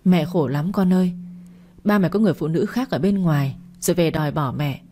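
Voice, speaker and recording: A woman's voice: low-pitched, brisk, mellow. A woman narrator voicing a scheming, self-pitying middle-aged mother, complaining and pleading.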